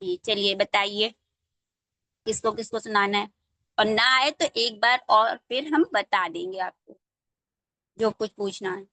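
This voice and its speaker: A woman teaching young students letter pronunciation over a video call, drawing out each sound slowly and checking that they follow. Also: mid-range voice, pushed and bright, no echo. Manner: slow, drawn-out demonstrations of letter sounds. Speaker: online Quran recitation teacher. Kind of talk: patient online class teaching.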